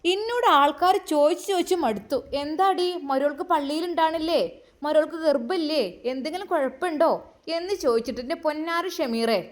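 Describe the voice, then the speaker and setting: A domineering older mother-in-law nags and taunts in a thick Malappuram accent, as a woman puts her on. Her voice sits high and carries hard, pressing every demand. She sounds like a figure from a homemade family story drama. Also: brisk, lightly acted. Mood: scolding. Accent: Malappuram Malayalam. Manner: loud, nagging and taunting. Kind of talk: amateur story drama reading.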